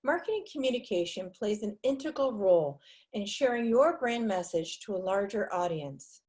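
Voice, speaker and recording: A woman's voice: medium pitch, animated, moderate pace, darkish tone. A woman with a New York accent presenting a business webinar over a video call, businesslike, with ums and restarts.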